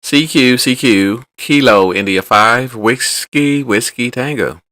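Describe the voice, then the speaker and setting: A man calling CQ over the air as a contesting ham radio operator, reading his call sign in the phonetic alphabet in a loud, sing-song repeated ham radio call. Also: medium pitch, slow pace, no room sound.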